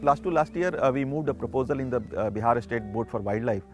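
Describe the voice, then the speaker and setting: An Indian-accented man explains his work as a conservationist in a documentary interview. He speaks haltingly and hesitantly at a medium pitch, with faint music behind him.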